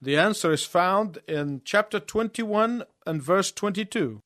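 A man preaching a sermon in short phrases, pausing so an interpreter can translate each one. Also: high-pitched, animated, a bit bright, no room sound, studio quality.

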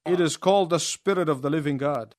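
A man preaching a sermon in short phrases, pausing so an interpreter can translate each one. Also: a little high, no room sound, studio quality.

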